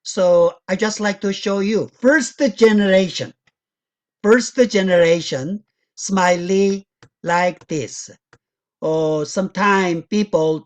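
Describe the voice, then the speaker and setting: A woman's voice: lowish voice, a little mellow. A woman giving a guest lecture, walking through slides in non-native English with loose grammar and frequent check-in questions to the audience.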